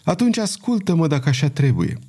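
A man voicing a feeble, dying old queen in an audiobook, speaking slowly in a wheezing, barely audible rasp. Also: a little high, wildly swooping pitch, mellow, pitched above the performer's own voice, full character voice. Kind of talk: audiobook character reading.

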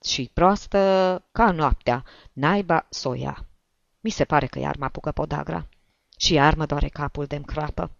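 An irritable older bank director groans and frets, as a woman reader plays him. His voice sits low, and the sound is close and dry. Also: creaky, dry recording. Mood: exasperated. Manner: fretful, exasperated, groaning. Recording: dull lo-fi recording.

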